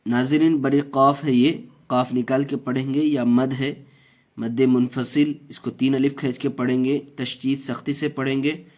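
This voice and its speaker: A man teaching Quran recitation step by step, explaining each rule slowly, then chanting the verses long and drawn out. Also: mid-range voice, flat delivery, darkish tone.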